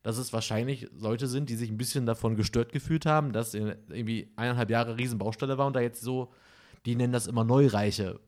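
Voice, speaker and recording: A man's fast, mid-range voice carries an animated story on a casual podcast. He acts out the dialogue of the people he's describing.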